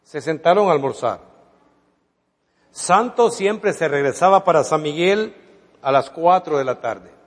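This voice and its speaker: A man with a fairly high voice tells a story from the pulpit, dramatizing it as he goes. His sermon rings out with a long reverb, as if recorded in a large hall. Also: lively intonation, measured pace, pauses often. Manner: dramatic retelling with quoted dialogue. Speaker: preacher.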